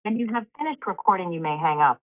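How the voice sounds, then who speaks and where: A low-pitched woman's automated voice reads out voicemail prompts in a flat, measured way. It sounds thin and narrow, as if it were coming down a landline phone. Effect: heard over a landline phone. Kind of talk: automated system announcement. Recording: tinny phone line.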